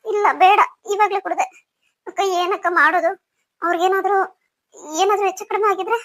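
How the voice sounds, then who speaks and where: A woman's voice: very high-pitched, fairly even intonation, a little fast, a bit bright. A woman voicing an anxious pregnant young wife in a cartoon story, talking in a tearful, pleading way. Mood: worried, tearful.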